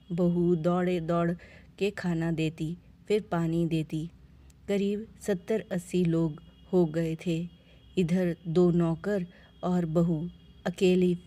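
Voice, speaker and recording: A woman tells a family story calmly and steadily. Her voice sits low and mellow, and she takes her time over each line.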